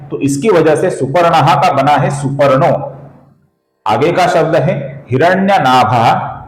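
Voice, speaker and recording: A man's voice: a little high, reverberant, poor audio. Earnest Hindi-speaking man teaching Sanskrit chanting. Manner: slow deliberate chanting of verses, explaining sounds; addresses viewers as friends, earnest and instructive. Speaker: spiritual teacher and channel host. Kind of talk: Sanskrit pronunciation lesson in Hindi.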